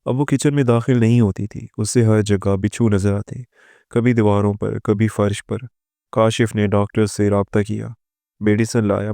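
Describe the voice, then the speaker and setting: Low, flat male storyteller. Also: smooth, dry recording, studio quality. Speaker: narrator. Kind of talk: scripted story narration.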